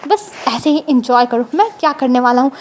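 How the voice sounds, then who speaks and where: A woman's voice: high voice, animated, fairly quick. A woman voicing a secretive young businessman who teases his friend playfully. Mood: teasing. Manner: teasing, playful.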